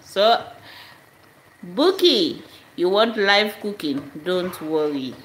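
A woman's voice: lowish voice, sing-song, slow, fairly bright tone, roomy sound, a little hiss or hum, poor audio. A woman chatting casually while she cooks live in her home kitchen, laughing often and slipping into Italian phrases. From Sierra Leone. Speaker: cooking vlogger. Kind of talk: casual live cook-along chat. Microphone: camera above the stove.

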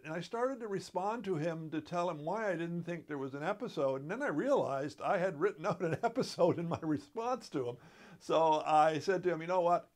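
An older man with a slightly high voice hosts a comedy how-to from his home study. He talks straight to camera, chatty and emphatic, and gets pointed when he makes his case. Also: darkish tone. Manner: conversational, emphatic, occasionally preachy. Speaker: host.

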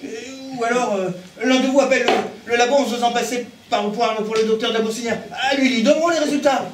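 Male actor: high, flustered plotter, amateur stage, roomy and distant. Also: steady tone, fast, crowd noise. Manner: flustered, pleading. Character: anxious man scheming to get his lab results. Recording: echoey hall from far off.

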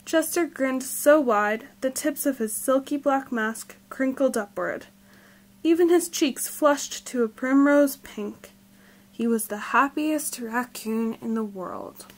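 Woman gently reading a children's storybook. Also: high voice, slow, low-quality recording. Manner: gentle, expressive. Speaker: storybook reader. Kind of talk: children's storybook read-aloud.

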